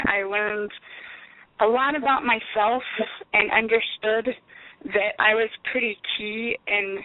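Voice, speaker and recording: Over a tinny, dry phone line, a woman in her thirties from Texas tells stories as an interview guest, a chatty business owner whose speech is full of ums. Her voice is mid-range, and the conversation stays casual.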